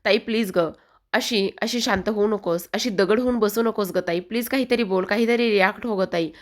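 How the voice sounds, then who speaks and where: A woman's voice: medium pitch, moderate pace, lightly acted. A woman voicing a young woman who pleads with her silent older sister, raising her voice in insistent begging. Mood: pleading.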